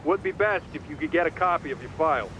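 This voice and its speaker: A man's voice: on the high side, expressive, quick pace, a bit bright, lo-fi sound, a little hiss or hum. A man voicing a pragmatic, encouraging lawyer in a video game, matter-of-fact and cajoling. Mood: businesslike.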